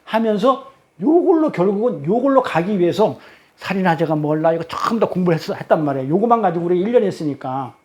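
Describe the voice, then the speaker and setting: A man's voice: high-pitched, very animated, quick pace, a little mellow. A man leading a Bible study class, quizzing his listeners with rhetorical questions in an emphatic, repetitive teaching cadence.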